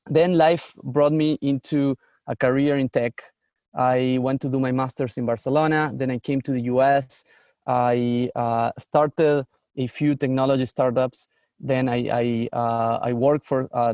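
A man's voice: mid-range voice, darkish tone, no echo, clean studio sound. A man from Argentina, a startup founder answering interview questions earnestly, with frequent fillers and restarts.

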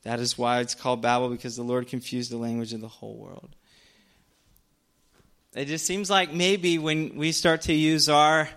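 Young male preacher, casual sermon, clear resonant tone, playful storyteller. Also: medium pitch, little pitch movement, moderate pace, fairly bright tone.

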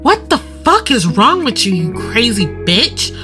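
A woman's voice: a little high, very animated, measured pace, voice pushed up. A woman voicing an angry, demanding man who growls and curses, with guitar music behind. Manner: growling, cursing.

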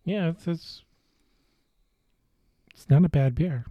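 A man co-hosting a podcast in casual beer-tasting chat, relaxed and hesitant, with many fillers and restarts. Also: fairly high pitch, slow pace, no echo, highs cut off. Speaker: podcast co-host.

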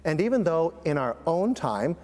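Male priest for Gospel and homily, solemn and measured, recorded with long cathedral-style reverberation. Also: fairly high pitch, very animated, a little mellow. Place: large reverberant church. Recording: long cathedral echo, large reverberant church.

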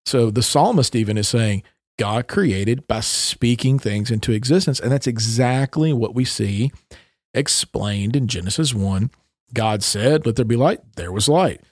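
A man's voice: medium pitch, unhurried, no echo, clean studio sound. A man co-hosting a casual Bible discussion, reading verses and explaining them, stressing the key phrases.

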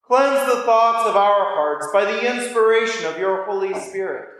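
A woman priest leading a church service, reciting prayers in a measured, solemn manner. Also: medium pitch. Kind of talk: liturgical prayer and greeting. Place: large room, church. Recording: echoey church, far from the mic.

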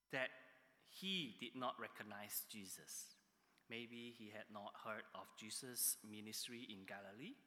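A preacher delivers his sermon slowly and deliberately, his piercingly bright, tense voice jumping emphatically in pitch on key words. Each phrase trails off into a long reverb, as though he's in a large hall.

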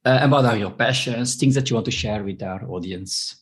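A man's voice: lowish voice, fairly quick. A man hosting a podcast interview over a video call, chatting casually with some fillers. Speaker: podcast host. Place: home in Brussels.

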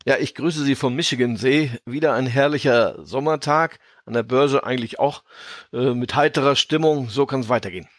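A man speaking as an expert podcast guest, explaining in a measured, conversational way with genteel phrasing. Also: medium pitch, no room sound, clean studio sound. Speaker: podcast guest, fund manager.

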